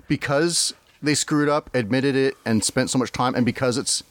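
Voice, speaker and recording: A man's voice: mid-range voice, normal speed, dry recording. A man co-hosting a podcast, chatting casually and rambling with frequent laughs and restarts. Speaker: podcast co-host.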